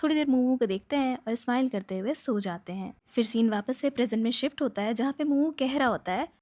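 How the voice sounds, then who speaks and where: A woman's voice: a little high, fast, darkish tone. A woman retelling a drama's plot in a casual storytelling voice, lifting her voice for the characters' lines. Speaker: drama recap narrator.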